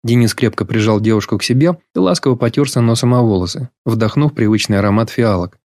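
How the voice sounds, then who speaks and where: A male audiobook narrator with a mid-range voice that is neither high nor low. He reads the novel in a measured, even storytelling manner and keeps a steady, unhurried flow of scripted narration. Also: no echo.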